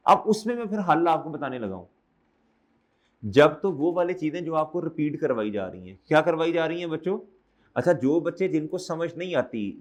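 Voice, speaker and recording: A man teaching an accounting class, coaxing and scolding his students and often repeating questions back to them. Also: on the high side. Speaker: accounting lecturer. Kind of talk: classroom lecture. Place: classroom, also streamed online.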